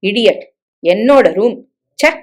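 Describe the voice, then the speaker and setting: A woman's voice: fairly high pitch, lively intonation, measured pace, a little mellow. A woman reading the part of an arrogant young husband who barks curt orders. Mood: scolding. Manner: curt, scolding, barking orders.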